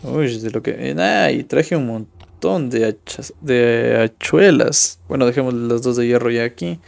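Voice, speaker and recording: A man's voice: mid-range voice, measured pace, creaky. A young man from Ecuador giving casual live commentary while playing a mobile game and chatting with viewers. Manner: casual, chatty, reads viewer chat aloud. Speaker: streamer.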